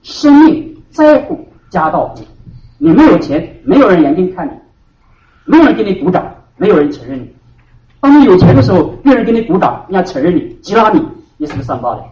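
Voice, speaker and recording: A male pastor delivers a sermon with a lively, rising-and-falling pitch. He hammers key words, then sinks into hushed asides. He is heard from a distance in a roomy hall, through a dull, lo-fi recording. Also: fast talker. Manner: emphatic preaching, swinging between loud stresses and hushed asides.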